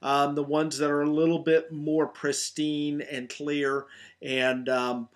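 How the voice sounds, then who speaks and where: A man's voice: fairly high pitch, fairly bright tone. A middle-aged man, a meteorite hunter, talks casually to camera about gemstones, keen and full of fillers and restarts. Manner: enthusiastic, many fillers and restarts. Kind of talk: casual product talk to camera.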